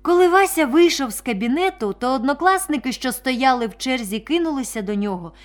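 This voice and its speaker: Expressive woman reading bedtime stories. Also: sits high. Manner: expressive, unhurried storybook reading. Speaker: storyteller. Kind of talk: reading children's stories aloud.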